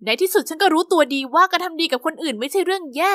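Female story narrator, high-pitched, lively and expressive, dry close studio sound. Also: very fast, no echo. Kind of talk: scripted first-person narration.

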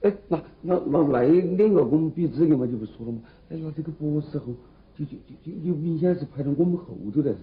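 An actor playing a bluffing, unschooled middle-aged job seeker in a TV comedy, speaking stammering, colloquial Sichuan dialect. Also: male voice, fairly high pitch, fast, close to an everyday voice. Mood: indignant. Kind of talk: comedy TV drama dialogue. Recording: dull lo-fi old TV sound, noisy.

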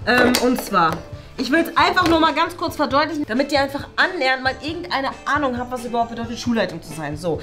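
In a comedy sketch, a woman plays a condescending former headmistress, lecturing pointedly and ending phrases with "ne?" She sounds agitated and exasperated, talking fast in a high, animated, pushed and bright voice. Faint music plays in what sounds like a small, bright meeting room.

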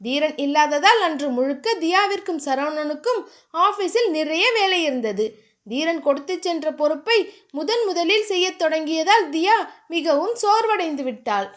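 Brief: woman audiobook narrator, high voice, steady storytelling delivery. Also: moderate pace. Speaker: novel reader.

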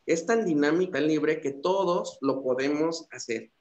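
A man's voice: fairly high pitch, moderate pace, darkish tone. A man, a psychologist giving an earnest motivational talk that wanders through fillers and restarts. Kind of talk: motivational talk on a radio-style show. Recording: echoey, dull lo-fi room sound.

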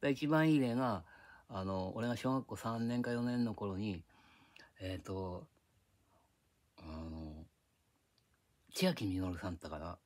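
An older man, reminiscing in a rambling, gruff casual monologue recorded on an iPad. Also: lowish voice, measured pace, pauses often, darkish tone. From Japan. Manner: reminiscing, drifting between tangents, gruff casual speech. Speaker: vlogger.

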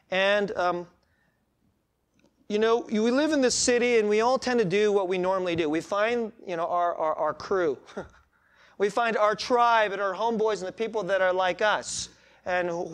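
A male pastor giving a sermon in a casual, chatty way, with quick asides. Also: high-pitched. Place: church sanctuary.

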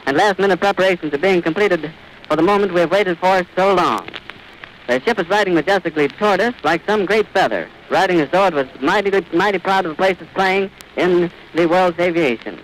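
A male radio reporter giving vivid, urgent live commentary outdoors at an airfield, pausing to catch his breath. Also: sits high, a bit bright, rough recording. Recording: old 1930s archive radio recording with hiss.

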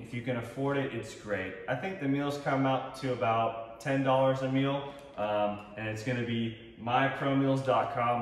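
A man's voice: medium pitch, far from the mic. Chatty Texan man in an echoey kitchen. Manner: chatty, upbeat, frequent fillers. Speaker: fitness vlogger. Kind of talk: casual product walkthrough. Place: large home kitchen. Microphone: far camera. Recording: roomy echo, voice from afar.

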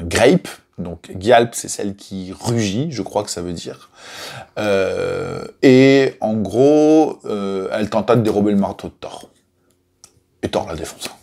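A man's voice: on the low side, creaky. A man casually telling the stories behind a board game's mythology, chatty and full of fillers, stressing each new name. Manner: chatty, many fillers, lively emphasis on names. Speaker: game publisher presenting lore. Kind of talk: casual storytelling explanation.

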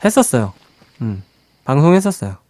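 A man's voice: medium pitch, big pitch swings, brisk, a little mellow, no echo. A man streaming a survival game with live let's-play commentary, chatting with viewers and talking to the creatures on screen.

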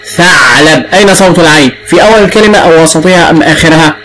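A man's voice: on the high side, heavy background noise. A man with an Egyptian accent teaching the alphabet to young children, drawing out sounds and prompting patiently. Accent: Egyptian Arabic. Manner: patient, drawn-out and repetitive prompting.

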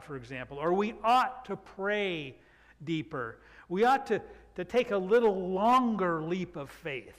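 An older man, a pastor, preaching a reflective sermon from the pulpit of a church sanctuary, drawing out words for emphasis. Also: sits high. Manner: reflective, unhurried, with drawn-out emphasis. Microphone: pulpit microphone. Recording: long church reverb.

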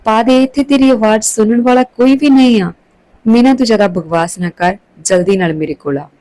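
A woman's voice: on the high side, a little fast, mellow, voice pushed up, natural voice, low-quality recording. A woman reading a lecherous fake holy man. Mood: menacing.

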